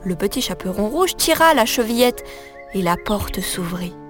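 A woman reading a fairy tale aloud as a storyteller, in a measured and expressive way. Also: medium pitch, soft background music.

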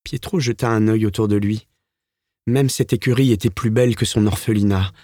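A man's voice: on the low side, fairly even intonation, moderate pace, mellow, no room sound, studio quality. A man narrating a novel as an audiobook, telling the story expressively. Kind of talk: scripted narration.

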